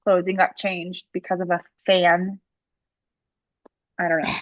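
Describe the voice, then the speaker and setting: A woman's voice: on the low side, flat delivery, unhurried, no echo, dull audio. A young woman co-hosting a podcast, chatting casually and rambling, tripping over words now and then. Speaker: podcast co-host. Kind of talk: casual chat.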